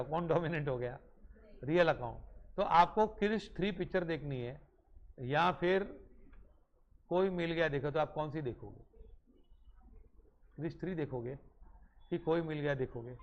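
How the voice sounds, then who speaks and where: A man with a slightly high voice teaches a commerce class. He keeps asking his students questions and then answers them himself, and he slips English terms into his Hindi. The recording sounds dull and lo-fi. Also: a little hiss or hum. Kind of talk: classroom lecture.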